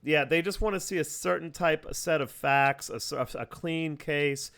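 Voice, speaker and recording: A man's voice: a little high, moderate pace, vocal fry, crowd noise. A man hosting a casual chat over a video call, explaining things at length with many fillers and restarts. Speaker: host. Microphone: video call mic.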